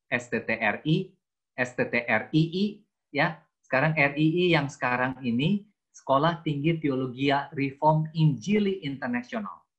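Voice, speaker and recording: A man's voice: medium pitch, moderate pace, a bit bright. A man in his sixties tells his life story to a youth group, switching between his own language and English. His talk is chatty and self-mocking. He has an ordinary mid-range voice on a slightly dull, lo-fi recording. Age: 60s. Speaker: guest speaker, theology teacher. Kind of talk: personal testimony to a youth group.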